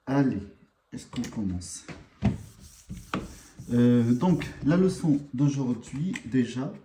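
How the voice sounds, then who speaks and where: A man teaching a live online language lesson, unhurried and hesitant, with many pauses and fillers. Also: medium pitch, expressive, echoey room, noisy background.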